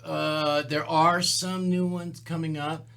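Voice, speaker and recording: A singer-songwriter guesting on an internet radio talk show chats casually in the studio, rambling a bit, listing band names and making fun of himself. His voice is fairly high, gravelly and fairly bright, with a flat, slow delivery.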